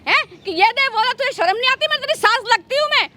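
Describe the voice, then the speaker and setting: A woman's voice: very high-pitched, lively intonation, fast talker, sharp tone, full character voice. A woman playing a scolding old mother-in-law. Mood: indignant. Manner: scolding, reproachful. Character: aggrieved elderly mother-in-law, stubborn and indignant. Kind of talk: staged family quarrel skit.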